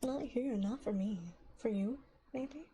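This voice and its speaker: A woman hosting a soft-spoken livestream from her apartment on a binaural mic, talking smoothly and quietly, often in a whisper, and chatting in a rambling way. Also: on the high side, measured pace, slight background noise, low-quality recording. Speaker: ASMR livestream host. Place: home apartment. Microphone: binaural dummy-head mic.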